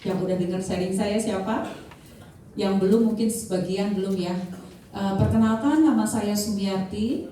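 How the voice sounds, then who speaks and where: A woman's voice: medium pitch, normal speed, dark tone, a little hiss or hum. A woman around fifty giving a chatty motivational talk to an audience as an insurance agent, often asking the crowd questions and using fillers. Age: 50s. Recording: distant mic, heavy room echo.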